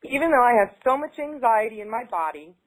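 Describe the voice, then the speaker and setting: Very animated and brisk, this woman's voice sits on the high side. She is in a tapping session, echoing affirmation phrases and then moving to casual talk, where she turns hesitant with many fillers.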